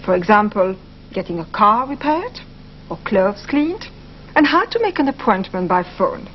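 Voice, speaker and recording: A woman's voice: mid-range voice, sing-song, normal speed. A woman presenting a language course, carefully explaining and repeating phrases for learners. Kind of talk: scripted educational narration. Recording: slightly muffled broadcast audio, faint hiss.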